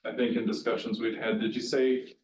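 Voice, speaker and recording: Flat-voiced man asking from across the room. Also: lowish voice, brisk, slight background noise. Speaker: board member asking a question. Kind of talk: meeting discussion. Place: county board meeting room. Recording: distant mic in echoey room.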